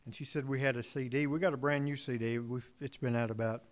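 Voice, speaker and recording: A man from a gospel group chatting from the stage in a rambling, halting way, full of fillers. His voice sits at an ordinary middle pitch. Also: fairly even intonation. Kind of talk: casual stage talk.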